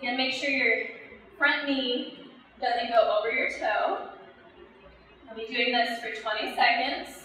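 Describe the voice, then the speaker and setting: A high-voiced woman coaches a workout, explaining each exercise as she demonstrates it. She is heard from across a very echoey room, with clear background noise around her. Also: takes it slowly, long pauses, bright, forceful tone. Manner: instructive, demonstrating while exercising. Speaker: fitness instructor. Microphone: camera at a distance. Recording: echoey room from far off, noisy.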